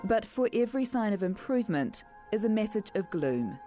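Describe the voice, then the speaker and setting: A woman's voice: mid-range voice, very animated, normal speed, music in the background. A woman with a New Zealand accent narrating a scripted television current affairs report.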